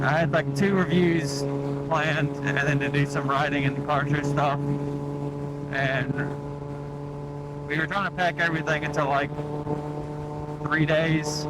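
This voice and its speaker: A man vlogging from a moving motorcycle on a helmet mic, talking in a loose, halting, think-aloud way with wind on the mic. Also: fairly high pitch. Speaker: motovlogger narrating a ride. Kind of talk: casual rambling vlog chat. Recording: loud engine and wind noise on mic.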